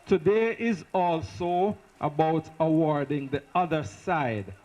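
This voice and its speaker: A man's voice: fairly high pitch, slow, darkish tone. A man with a Jamaican accent giving an impassioned speech at a school awards ceremony, repeating himself for emphasis and talking off the cuff. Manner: repetitive, emphatic, speaks off the cuff. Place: school hall. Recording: echoey hall recording.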